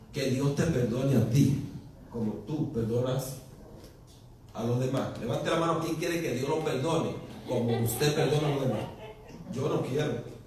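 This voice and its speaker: A man preaching a sermon, asking the congregation rhetorical questions and swinging between quiet, low passages and loud, emphatic ones. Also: a little hiss or hum. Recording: very echoey room, distant mic.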